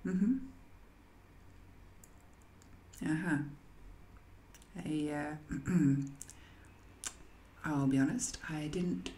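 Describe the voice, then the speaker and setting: In an intimate audio drama, a woman plays an ancient, banished evil spirit who is seductive, lonely, and sly. Her low, dark voice moves very slowly in a coy, breathy way that often drifts into a whisper, with a wistful, curious mood.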